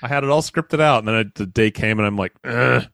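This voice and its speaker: A man's voice: on the low side, fast, a bit bright, smooth, no echo, studio quality. A man co-hosting a podcast, chatting casually and bantering with his partner. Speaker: podcast co-host.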